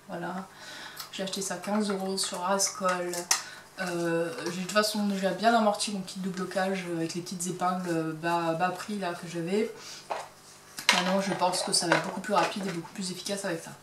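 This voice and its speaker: A woman's voice: lowish voice, background noise. A woman hosting a crochet and knitting podcast, chatting casually and hesitantly with many fillers as she shows her purchases from her home workshop. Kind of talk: casual chat showing items to camera. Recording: roomy, distant mic, faint ambience.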